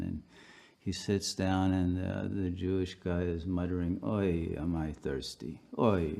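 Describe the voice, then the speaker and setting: A man's voice: low voice, creaky, warm tone. A male pastor delivering a sermon, telling stories unhurriedly with frequent fillers.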